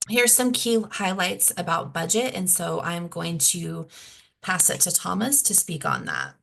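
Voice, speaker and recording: Woman on a webinar call, kinda low gravelly voice that's going hoarse, walks through budget rules. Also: big pitch swings, a little slow, fairly bright tone. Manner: plain, explanatory, self-correcting. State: losing her voice, clearing throat. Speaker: grant program presenter. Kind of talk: technical assistance webinar.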